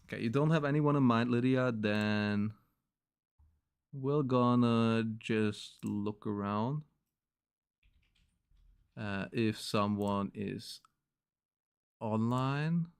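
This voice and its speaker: A man's voice: mid-range voice, drawn-out words, pauses often, clear, resonant tone. Young man, streamer, casual sign-off chat, rambly and filler-heavy.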